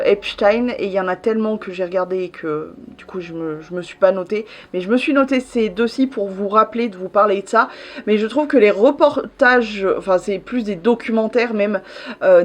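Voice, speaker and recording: A woman talking casually to her viewers, recommending shows in a loose, chatty way. She fills her sentences with hesitations and restarts, at an ordinary mid pitch. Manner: chatty, many fillers and restarts. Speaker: YouTuber reviewing series. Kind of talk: casual chat to camera.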